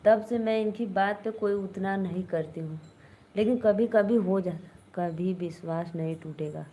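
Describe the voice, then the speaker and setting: Young woman w awadhi-ish hindi accent chatting on a phone live stream, mellow voice, faint room noise. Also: mid-range voice, moderate pace. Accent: Awadhi-tinged Hindi. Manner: chatty, reads out and answers viewer comments. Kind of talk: casual live stream chat with viewers.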